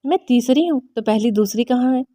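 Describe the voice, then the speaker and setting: A woman's voice: fairly high pitch, mellow, no echo, clean studio sound, close to an everyday voice. A woman reading the lines of an emotional young wife who bristles at her husband's jokes. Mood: indignant.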